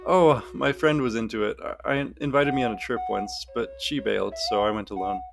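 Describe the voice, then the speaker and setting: A man's voice: mid-range voice, brisk, creaky, over music, close to an everyday voice. A man voicing a polite, slightly hesitant young woman in a story. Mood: friendly. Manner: polite and hesitant, soft fillers.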